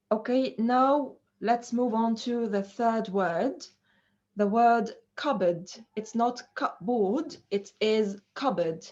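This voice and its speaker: A woman gives an English pronunciation lesson at a very slow, deliberate pace, filling pauses with many ums and uhs. Her voice sits somewhat high. The recording sounds dull and lo-fi. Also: a little mellow. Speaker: English teacher.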